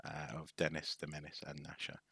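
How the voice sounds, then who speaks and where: A man from North Wales with a very deep voice that still has a bright, crisp edge rambles casually through a live stream. He hesitates, restarts and drops wry asides. The sound is close and dry. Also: completely flat delivery, fairly quick, dry recording. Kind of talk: casual rambling show-and-tell.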